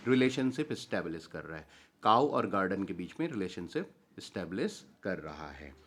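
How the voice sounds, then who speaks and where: Man, Indian accent, teacher, animated pitch, repeats phrases, slow example sentences. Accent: Indian English. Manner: repeats key phrases, reads English examples slowly. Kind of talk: explaining grammar lesson.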